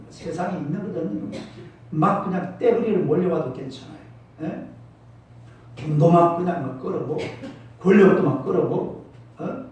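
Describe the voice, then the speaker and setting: A man's voice: high voice, darkish tone, a little hiss or hum. A male pastor preaching a sermon, emphatic, calling out to the congregation for responses. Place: church sanctuary. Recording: echoey church hall from far off.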